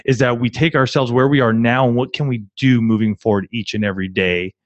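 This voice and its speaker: A man's voice: medium pitch, fairly even intonation, brisk, no echo. A man co-hosting a live online marriage coaching session, telling a personal story earnestly and often repeating his words.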